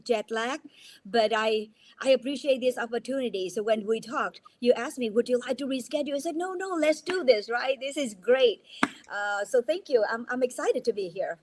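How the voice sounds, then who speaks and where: A jet-lagged Vietnamese woman in her fifties, a native speaker, is a guest entrepreneur in a casual video-call interview from her mother's house. Her voice sits on the high side at normal speed, with slight background noise. She tells her story earnestly, restarting words and tagging sentences with "right?".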